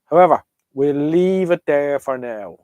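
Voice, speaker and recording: Here the same Irish host rambles through a live chat on vintage radios in a slightly high, darkish, smooth voice that stays animated but unhurried. Opinionated and hesitant, he lets sentences fade and leaps between ideas. There's no echo.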